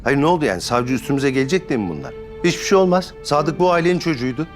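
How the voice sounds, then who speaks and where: A man playing a bitter, quick-tempered older brother. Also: on the high side, animated, faint music behind, close to an everyday voice. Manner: fast, bitter and defensive. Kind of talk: TV drama acting.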